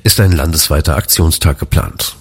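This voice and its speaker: A man reading radio news in a measured, formal way. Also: a bass voice, breathy edge. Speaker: newsreader.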